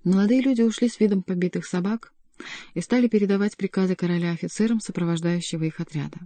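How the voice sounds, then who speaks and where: A woman narrating an audiobook in a calm, measured way. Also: medium pitch, dry recording. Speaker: audiobook reader. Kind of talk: scripted narration.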